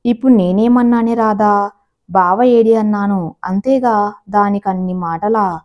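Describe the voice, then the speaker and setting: A woman's voice: medium pitch, a little slow, highs cut off, lightly acted. Woman doing a kindly, easygoing older brother. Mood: mild. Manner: mild, matter-of-fact.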